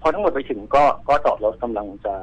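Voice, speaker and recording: A man telling a ghost story in a casual, rambling way, repeating words and filling gaps with fillers, and acting out the shouts of the people in it. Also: mid-range voice, very animated, fast talker, slightly rough, rough recording. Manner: acts out the quoted shouts.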